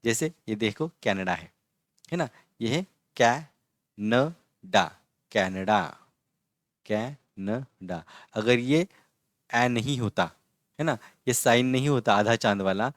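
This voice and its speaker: A man of ordinary pitch teaches an online language lesson in a relaxed, chatty way. He breaks words into single syllables, says them slowly, and keeps asking whether the viewer follows. The sound is dry and close, with no room echo. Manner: often asks checking questions.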